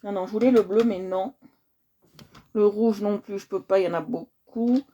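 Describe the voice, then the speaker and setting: A woman's voice: mid-range voice, moderate pace, dark tone, dull audio. A woman hosting a coloring livestream, chatting casually with her viewers and often repeating herself as she checks in with them.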